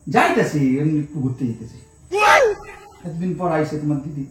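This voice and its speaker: A man's voice: a little high, animated, brisk, recorded from a distance, loud music behind the voice. A man playing a teasing husband in a comedy prank skit, mock-indignant. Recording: roomy noisy home recording.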